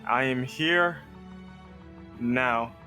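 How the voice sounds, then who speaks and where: A man's voice: medium pitch, very slow, bright, forceful tone, faint music behind. A man chatting casually as a guest on a group podcast. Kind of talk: casual chat.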